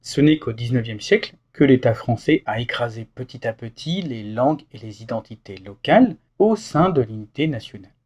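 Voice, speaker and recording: A man narrating a scripted French lesson, explaining vocabulary with clear example phrases. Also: medium pitch, lively intonation, normal speed, few pauses, a little mellow, highs cut off. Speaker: French teacher.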